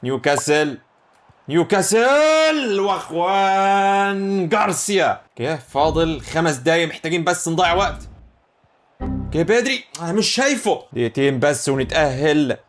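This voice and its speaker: A young man with an Egyptian accent commentating his football video game, excitable and exclamatory as he reacts to plays. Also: a little high, slight background noise. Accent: Egyptian Arabic. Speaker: gaming channel host.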